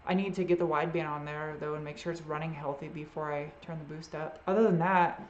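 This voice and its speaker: A woman's voice: deep voice, steady tone, fast talker, roomy sound, dull audio, slight background noise. A woman with a trace of a Boston accent hosting a live Q&A, chatting casually and trailing off often as she answers viewer questions. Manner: rambling and unsure, often trailing off.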